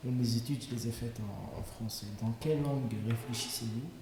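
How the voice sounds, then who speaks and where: A man from Kabylie whose first language is Kabyle, asking an interview question in quick, halting speech. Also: mid-range voice. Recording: very echoey, noisy, off-mic.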